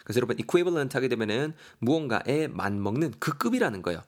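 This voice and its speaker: A man's voice: medium pitch, very animated, fast. A man hosting a podcast vocabulary lesson, explaining words and spelling them out letter by letter. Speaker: English vocabulary teacher, podcast host.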